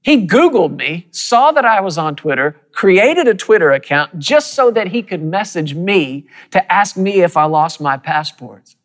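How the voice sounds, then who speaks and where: A slightly high-pitched man tells a personal story from the pulpit. He speeds up in quick bursts and drops to soft, quiet asides. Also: very animated, long reverb tail. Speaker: preacher. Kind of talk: storytelling sermon.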